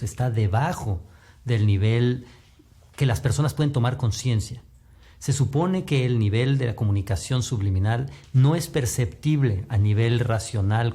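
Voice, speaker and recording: A communication instructor gives a recorded lecture, explaining things patiently and moving his pitch up and down as a demonstration. His voice is mellow.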